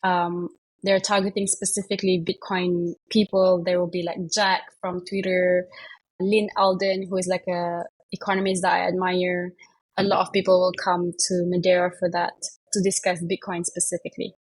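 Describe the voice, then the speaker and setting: A young woman from Malaysia, chatting as an interview guest, full of fillers and quick self-corrections. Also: lowish voice, level tone, husky, rough recording. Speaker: guest, investment manager. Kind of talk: casual interview chat.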